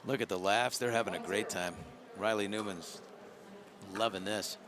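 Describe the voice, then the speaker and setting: A man's voice: fairly low pitch, moderate pace, background noise. A man calling a pickleball match as play-by-play commentator, setting the scene and bantering with his co-host. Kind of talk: sports commentary.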